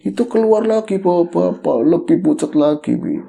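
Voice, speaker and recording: Man, gravelly and somewhat high voice, lively casual horror storyteller. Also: normal speed. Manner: animated, acts out quoted voices. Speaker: horror podcast co-host. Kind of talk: casual ghost-story telling.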